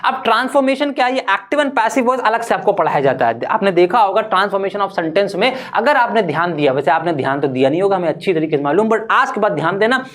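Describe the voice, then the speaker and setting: A young man teaches an English class online, speaking Hindi laced with English terms. Lively and fast with hardly any pauses, he uses a high-pitched voice and asks rhetorical questions that he answers himself.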